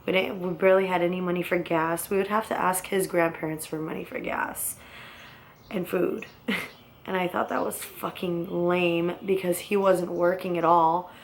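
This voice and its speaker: A woman's voice: lowish voice, fairly even intonation, moderate pace, vocal fry, slight background noise. A young woman casually telling her own story in a rambling, blunt way, swearing often.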